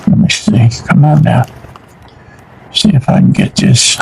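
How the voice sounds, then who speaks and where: A man's voice: mid-range voice, fairly even intonation, a little slow, vocal fry, a little hiss or hum, low-quality recording. A middle-aged man, chatting casually and exclaiming with delight as he unboxes mail for his channel. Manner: warm-hearted, easily delighted, exclaims often.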